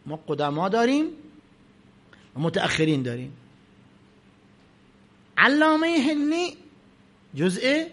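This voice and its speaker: Male religious lecturer, slightly high voice, very animated pitch, reads texts aloud and then explains them. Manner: rhetorical questions answered himself. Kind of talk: seminary-style lecture.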